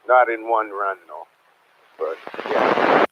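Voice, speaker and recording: An older man, his voice sitting fairly low, talks in a loose and folksy way as he checks in. He comes through a ham radio on a muffled transmission with a clear layer of static under him. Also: slow pace. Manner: easygoing, rambling, folksy. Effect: heard over a ham radio. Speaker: radio net caller. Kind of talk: casual chat.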